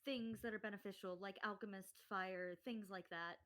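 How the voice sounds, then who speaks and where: Female tabletop player, bright voice at middle pitch, casual and halting delivery. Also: fairly even intonation. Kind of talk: casual role-play chat.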